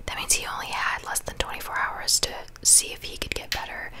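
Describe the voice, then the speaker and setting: A woman in her twenties, an ASMR creator, whispers chatty gossip in a small bedroom, her mouth close to a large studio microphone. Her delivery is brisk with a sharp tone, casual and conversational.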